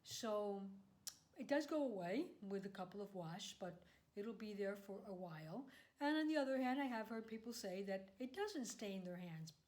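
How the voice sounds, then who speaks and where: A woman's voice: medium pitch, sing-song, moderate pace, darkish tone. A woman hosting a casual home vlog, talking in a chatty, rambling way with frequent self-corrections. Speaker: craft podcast host.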